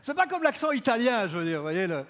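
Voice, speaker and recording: A man from Belgium performs a stand-up set on stage, his voice sitting noticeably high for a man. He talks with ironic, mock-earnest asides to the crowd. He stumbles into deliberate restarts to time his punchlines. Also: sing-song, a bit bright. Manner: halting restarts used for comic timing. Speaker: stand-up comedian. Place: comedy stage.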